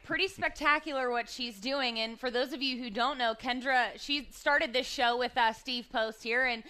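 Bright, high-voiced female co-host. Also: normal speed, clean tone. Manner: chatty with filler ums. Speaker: radio co-host. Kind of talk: live racing radio talk. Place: outdoor stage at a speedway.

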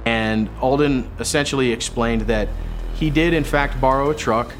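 A man's voice: mid-range voice, moderate pace, faint music behind. A man speaking as an investigator, recounting a case in a documentary interview.

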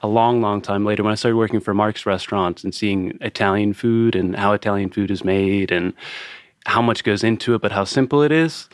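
A man's voice: on the low side, fairly quick, dry recording, clean studio sound. A man from Northern Ireland, a guest on a podcast, telling stories in an easygoing, casual way. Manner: easygoing storyteller, many fillers. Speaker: guest, beverage director. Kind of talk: casual interview chat.

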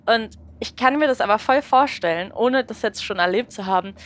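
A woman's voice: a little high, moderate pace, a bit bright. A woman from Berlin hosting a podcast, chatting casually on a train and affirming her guest often. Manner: talkative, chatty, lots of affirming "ja". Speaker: podcast host. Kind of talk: casual conversation.

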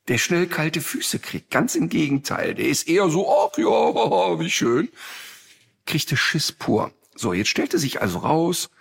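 A man's voice: medium pitch, creaky, breathy edge. A man hosting a podcast, telling a story casually and with animation, often dropping a "ne?" as he goes. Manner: animated, drawn-out storyteller with frequent "ne?". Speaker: podcast host.

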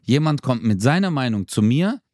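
A man's voice: mid-range voice, sing-song, normal speed, darkish tone, dry recording, studio quality. A man co-hosting a podcast in casual chat, laid-back and slangy, acting out quoted lines as he talks. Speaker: podcast co-host.

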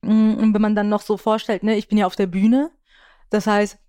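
A woman's voice: mid-range voice, little pitch movement, moderate pace, dark tone, clear, resonant tone, dry recording, studio quality. A woman hosting a podcast, chatting casually and openly, with frequent restarts and laughs. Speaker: podcast host. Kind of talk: casual chat.

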